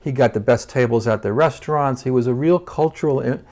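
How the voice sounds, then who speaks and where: A man hosting an interview, agreeable and relaxed, with frequent short replies. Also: mid-range voice, brisk. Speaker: interview host. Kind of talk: conversational interview.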